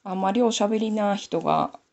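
A woman from Aomori, Japan, speaking in the Nanbu dialect, chats casually to herself as she knits a sock on camera in a relaxed tutorial. Her voice sits in the mid range, with a fairly quick pace and a darkish tone.

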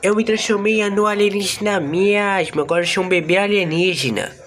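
A man voicing an excitable little boy who yelps and talks quickly in a raised voice. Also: high-pitched, pitched above the performer's own voice. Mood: excited.

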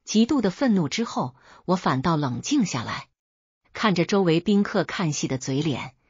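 A woman's voice: fairly low pitch, very animated, normal speed, darkish tone, husky, dry recording, lo-fi sound. A woman reading a first-person family story aloud as narrator.

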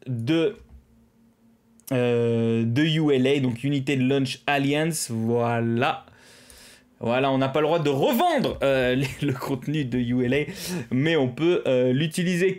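A man's voice: mid-range voice, a little mellow. A French man hosting a live stream, chatting casually with lots of fillers and small laughs at his own fumbles.

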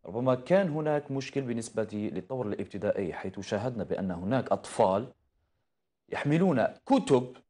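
A man's voice: mid-range voice, lively intonation, fast talker, mellow. A man interviewing a guest on a TV news channel, asking hesitant questions padded with fillers and giving frequent short acknowledgements. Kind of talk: TV studio interview.

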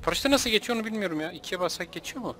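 A man's voice: high-pitched, lively intonation, very fast, fairly bright tone, a little hiss or hum. A man hosting a gaming video, giving casual let's-play commentary in a playful, joking way with frequent laughter.

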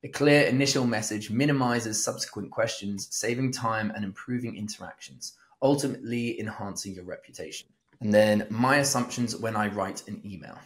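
Low-voiced man reading out points. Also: moderate pace. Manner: reads lists plainly, then chats casually. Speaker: podcast co-host. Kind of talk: reading summary points and chatting.

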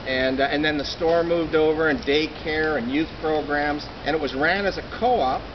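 Casually telling a group about his past, a middle-aged man who used to live here leads part of a walking tour in a rainy housing courtyard. His voice is a little high, and his speech is reflective and halting, packed with fillers. Outdoor noise runs through the dull audio from a smartphone camera held a short distance away.

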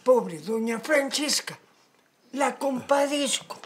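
An actor playing a doting old shopkeeper with a Peruvian accent in a telenovela. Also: male voice, very high voice, animated, slow pace, noisy background, full character voice. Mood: groggy, slow. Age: older. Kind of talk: telenovela acting.

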